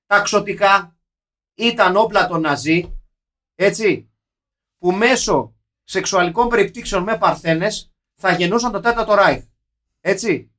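A man co-hosting a casual film review, talking with mock-serious, deadpan sarcasm. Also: sits high, long pauses. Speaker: podcast co-host reviewing a film. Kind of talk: ironic casual film chat.

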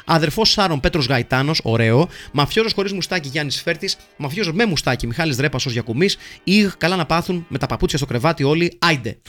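A man's voice: fairly high pitch, lively intonation, a bit bright, soft background music. A man hosting a podcast, reading listener messages aloud in a playful, jokey way and rattling through lists of names. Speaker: podcast host.

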